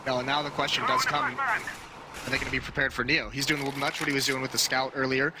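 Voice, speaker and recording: A man's voice: mid-range voice, expressive, brisk, heavy background noise. A man working as an esports caster, giving conversational, explanatory analysis of a competitive shooter match. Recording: loud game gunfire and clicks behind voice. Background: loud video game gunfire and clicks.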